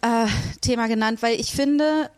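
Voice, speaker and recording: A woman's voice: a little high, unhurried. A woman co-hosting a podcast who speaks thoughtfully, searching for words with many fillers. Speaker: podcast co-host. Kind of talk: casual discussion.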